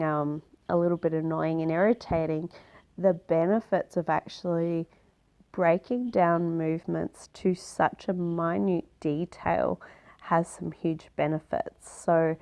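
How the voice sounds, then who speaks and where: A woman's voice: on the low side, steady tone, takes it slowly, warm tone. A woman recording a casual video diary, sounding nasal from a cold and talking in a chatty way with many ums. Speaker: vlogger.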